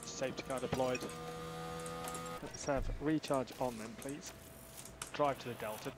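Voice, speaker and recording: A calm race engineer on team radio. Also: male voice, mid-range voice, unhurried. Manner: brief, calm, clipped instructions.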